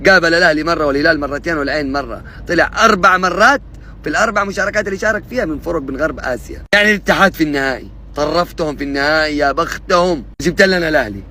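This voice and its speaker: A man's voice: on the high side, rapid-fire, bright, forceful tone, slight background noise. A man complains about the draw like an exasperated football fan.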